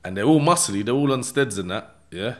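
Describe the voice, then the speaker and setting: A London man, guesting on a podcast, tells his life story in casual first person using streetwise slang and a London accent. His mid-range voice is brisk with lively intonation, and he keeps checking in with short tags like "yeah?".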